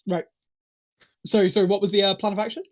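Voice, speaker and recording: Over a voice call, a game master with a medium-pitched voice narrates a tabletop game, improvising haltingly and correcting himself as he goes.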